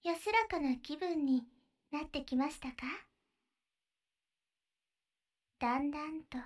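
A woman voicing a sweet, attentive young maid in an ASMR roleplay, speaking with polite honorifics and gently guiding her master. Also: high voice, normal speed, lightly acted. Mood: soft, soothing. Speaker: maid café maid.

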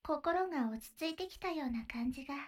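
A woman voicing a sweet, attentive young maid in an ASMR roleplay, speaking with polite honorifics and gently guiding her master. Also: high-pitched, lively intonation, brisk. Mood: soft, soothing. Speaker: maid café maid.

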